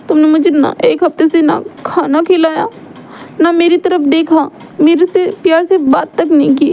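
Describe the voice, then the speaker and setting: A woman's voice: very high voice, mellow, voice pushed up. A woman voicing a drunk, heartbroken young man who weeps and rambles as he repeats himself.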